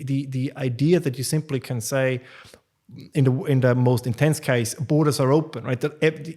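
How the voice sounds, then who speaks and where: A man's voice: medium pitch, darkish tone. A man speaking as an academic guest, earnest and emphatic, often restarting his sentences. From Austria. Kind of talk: conversational interview.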